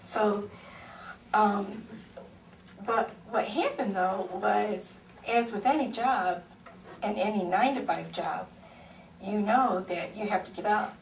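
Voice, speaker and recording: Her voice is soft, gravelly, and medium-pitched as this woman from Ohio, USA, in her 40s, slowly shares personal testimony, storytelling unhurriedly with many ums. The recording comes from a far mic in an echoey hearing room, with faint noise.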